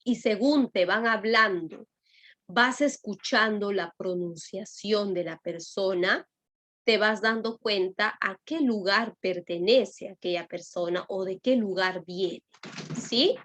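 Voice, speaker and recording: A woman's voice: mid-range voice, slow pace, fairly bright tone. A woman teacher with a Lima Peruvian accent, giving a class lecture and often checking in with her students. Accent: Lima Peruvian Spanish. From Peru. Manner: addresses students directly, with frequent "¿no?" and "¿ya?" checks.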